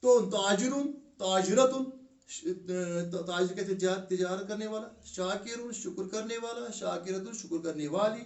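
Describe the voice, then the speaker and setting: A man with a Kashmiri accent teaching Arabic grammar in a classroom lesson, drilling word pairs slowly with fillers. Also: high-pitched. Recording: echoey room, from far off.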